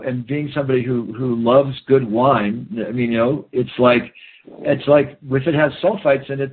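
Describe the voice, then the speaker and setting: A man talking earnestly in a rambling interview, often restarting his sentences. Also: mid-range voice. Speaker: guest. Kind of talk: conversational interview talk. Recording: phone-line audio, husky.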